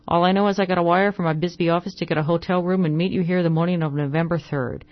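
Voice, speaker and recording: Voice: fairly even intonation, quick pace, muffled recording, lightly acted. A reader voicing an irritable, fussy male hotel agent in a western story reading, in a raised, complaining voice. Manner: higher, louder, complaining.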